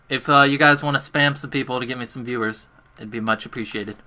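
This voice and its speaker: A young man with a very bright, forward voice chats through a live gaming session from his bedroom. He is casual and self-deprecating, talking to his viewers while he plays. Keys clack faintly in the background. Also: mid-range voice, little pitch movement, moderate pace. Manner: chatty, self-deprecating, talks to chat while playing. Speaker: gaming livestreamer. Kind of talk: casual live gameplay commentary. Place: bedroom at home.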